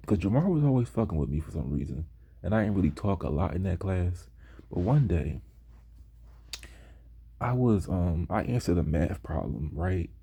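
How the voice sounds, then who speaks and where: Deep, dark-voiced young man telling stories. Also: creaky, husky. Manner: laid-back, slow, with mimicked voices of classmates. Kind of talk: casual storytelling.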